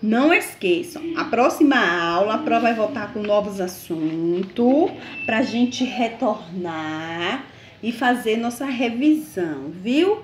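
Slow, patient Brazilian woman teaching children. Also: mid-range voice, expressive, a little hiss or hum. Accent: Brazilian Portuguese. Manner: slow, patient, over-articulated classroom delivery. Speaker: primary school teacher. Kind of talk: recorded online lesson. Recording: echoey room.

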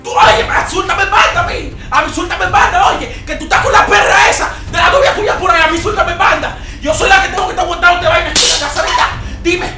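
A man voicing a furious, jealous Dominican wife who shouts, curses and scolds her partner. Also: very high voice, brisk, echoey room, heavy background noise. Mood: furious scolding.

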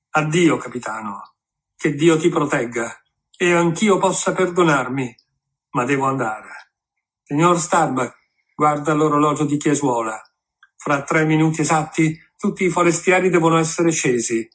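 A man's voice: fairly high pitch, a bit bright, close to an everyday voice. Ahab, a man doing an obsessed old captain. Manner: commanding, declaiming. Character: stern, obsessed old whaling captain, male.

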